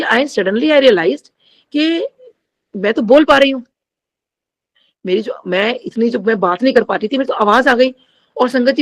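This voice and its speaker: A middle-aged woman sharing a spiritual testimony with a congregation. She addresses them often and mixes English phrases into her Hindi. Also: fairly high pitch.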